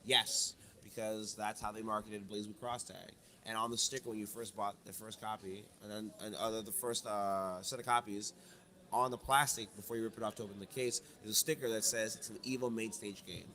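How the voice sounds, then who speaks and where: A man's voice: on the low side, fairly even intonation, a little fast, sharp tone. A hungover man rambles through casual podcast chat, swearing freely as he talks about competitive play. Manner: casual, profane, rambling storyteller. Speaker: podcast guest, competitive fighting game player.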